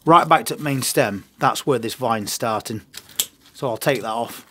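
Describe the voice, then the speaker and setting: A man's voice: mid-range voice, normal speed, fairly bright tone. A man, giving practical gardening advice straight to camera from a greenhouse. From England. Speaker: gardening channel host. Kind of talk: instructional gardening video. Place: greenhouse on an allotment.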